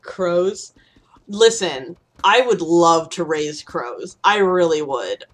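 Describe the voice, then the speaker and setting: This is slow, lively-sounding speech from a fairly low-voiced young woman from the Midwest. She's streaming a game and chatting casually, rambling on, cursing without restraint and sometimes panicking out loud.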